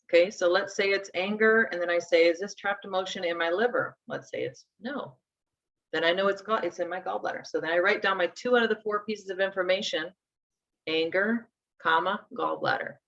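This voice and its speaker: A woman in her forties teaches a live workshop, talking through each step aloud in a conversational way. Her fairly low voice is creaky and a bit bright, and the recording has a dull, lo-fi sound.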